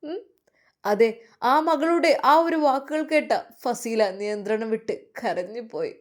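A woman's voice: on the high side, expressive, a little slow. A woman with a Malappuram accent narrating a dramatic story with emotion and frequent interjections. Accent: Malappuram Malayalam.

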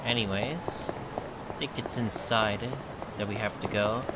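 A man's voice: fairly low pitch, measured pace, heavy background noise. A man giving casual gameplay commentary, muttering and thinking aloud as he streams. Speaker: game streamer. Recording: loud game audio behind voice.

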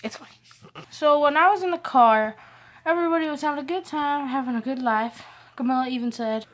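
A teenage girl with a high voice talks fairly quickly while hosting a casual vlog, telling car-trip stories over her drawings in a rambling, self-mocking way, filmed on a handheld phone.

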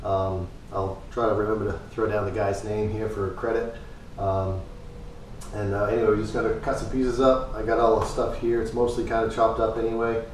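A man in his thirties casually explaining his woodworking build in a home garage workshop, halting with many ums and uhs. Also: lowish voice, level tone, slight background noise. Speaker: woodworking vlogger. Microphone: far camera. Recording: echoey garage, voice from far off, music behind.

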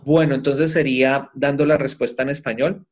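A man's voice: mid-range voice, fairly even intonation, moderate pace, darkish tone. A man co-hosting a citizenship lesson, explaining advice and reading out questions. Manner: explanatory, gives practical advice. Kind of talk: bilingual lesson.

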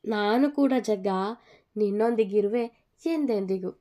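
A woman's voice: mid-range voice, unhurried, warm tone, lightly acted. A woman voicing a heartfelt young bride in a told love story. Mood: loving. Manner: tearful, heartfelt.

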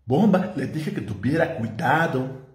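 A woman's voice: rumbling low, animated, unhurried, darkish tone, reverberant. A man voicing a teasing older woman market vendor with a sing-song Yucatecan Spanish accent.

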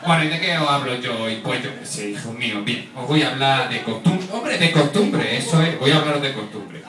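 A man's voice: mid-range voice, animated, a little fast, crowd noise. A man from doing a stand-up comedy monologue, teasing the audience with constant tag questions. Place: comedy stage with a live audience. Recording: roomy, distant mic, audience laughter.

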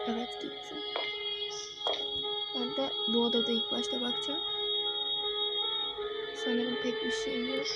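Young female gaming creator, slightly high voice, chatty and jokey with viewers, loud game music behind. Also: flat delivery, unhurried, long pauses. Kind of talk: let's-play commentary.

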